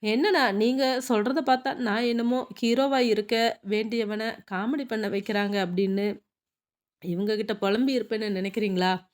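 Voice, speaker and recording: A woman's voice: on the high side, steady tone, normal speed, natural voice. A woman reading the lines of a talkative, joking young man who works on a film set, in a Tamil audiobook. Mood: chatty. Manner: long-winded, joking. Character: chatty young male film-set assistant.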